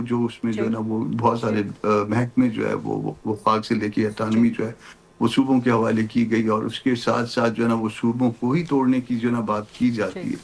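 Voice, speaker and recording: Husky-voiced male lawmaker explaining calmly. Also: mid-range voice, poor audio. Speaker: party lawmaker, guest. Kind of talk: political talk show interview.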